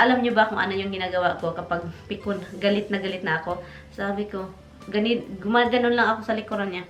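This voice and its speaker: Filipina vlogger who keeps saying "guys". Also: female voice, mid-range voice, a bit bright. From Philippines. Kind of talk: casual storytime monologue. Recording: echoey room with faint music.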